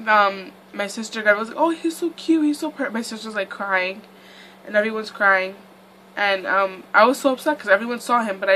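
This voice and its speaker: Bright-voiced young woman vlogger. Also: mid-range voice, a little hiss or hum, rough recording. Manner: chatty, rambling, lots of "like" and "um". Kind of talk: casual storytime.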